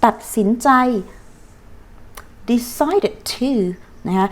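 A woman teaching an English lesson in Thai, counting her students in and drawing out English sentences slowly for them to repeat. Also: a little high, big pitch swings, mellow. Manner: stretches out English phrases slowly for practice.

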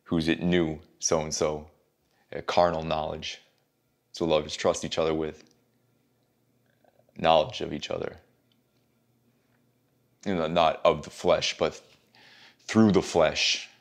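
A brooding, heartbroken man muses on love in a stage monologue, played by an actor. His voice sits extremely low and gravelly, with a flat, restrained delivery. He talks slowly and pauses often, sometimes sinking to a near whisper. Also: heavily acted. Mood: reflective. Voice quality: very deep gravelly voice. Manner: slow, pausing, drops to near whispers.

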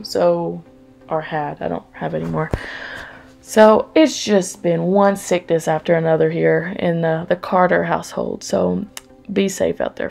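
A young woman with a lowish voice and vocal fry provides a rambling, casual voice-over for her cleaning vlog, packed with fillers.

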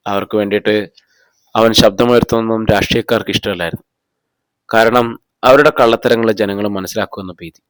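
A man's voice: lowish voice, steady tone, a little fast, long pauses, clean tone, no echo, close to an everyday voice. A man reading as a defensive, shaken mother. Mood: explaining. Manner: defensive, voice rising when accused. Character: distressed middle-aged woman, mother under police questioning.

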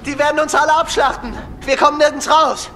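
A man's voice: very high-pitched, little pitch movement, brisk, sharp tone, soft background music, full character voice. An actor playing a panicked, trapped man fleeing killers in a horror video game. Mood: panicked, cursing.

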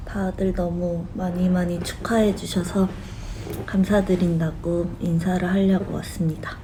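A young woman chatting casually with fans on a live stream, talkative and quick to giggle. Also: on the low side, flat delivery, noisy background. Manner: chatty and giggly, laughing often.

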